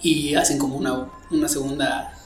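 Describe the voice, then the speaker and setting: A man telling a story in a casual podcast chat, animated and full of fillers. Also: mid-range voice, moderate pace, gravelly, faint music behind. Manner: animated storyteller, acts out quotes, many fillers. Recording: roomy echo.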